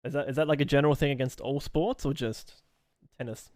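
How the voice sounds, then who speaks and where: A man's voice: mid-range voice, fairly even intonation, brisk, darkish tone, dry recording, clean studio sound. A young man live streaming while he draws, chatting loosely with viewers and reading out and answering their messages in a rambling way.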